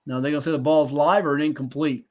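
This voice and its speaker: A man hosting a live sports talk show, calling plays and teasing his co-host, bursting into shouts and laughter. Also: fairly high pitch, fairly even intonation, fast talker. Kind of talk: live game-watch commentary chat.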